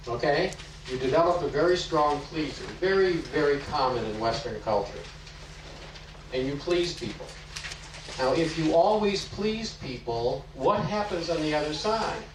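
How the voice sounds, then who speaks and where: A man's voice: on the high side, a little hiss or hum. A man explaining psychology in a lecture, telling stories and asking rhetorical questions. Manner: storytelling, asks rhetorical questions. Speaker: psychology teacher. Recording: echoey room, voice from far off.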